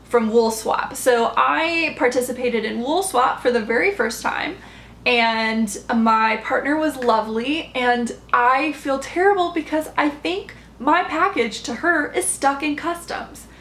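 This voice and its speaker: Woman, podcast host, unhurried rambling chat, slightly high, echoey room. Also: steady tone, fairly bright tone. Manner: chatty, rambling, many fillers and restarts. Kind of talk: casual chat showing yarn haul. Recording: echoey room, faint background noise.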